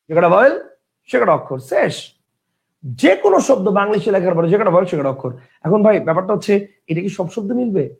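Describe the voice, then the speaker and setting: A young man hosts an online grammar lesson. His voice sits high and swings widely in pitch, with a gravelly edge. He talks to his class conversationally, repeating each point and checking that they follow. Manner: conversational, repeats points and asks listeners questions. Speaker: teacher. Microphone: online class host mic.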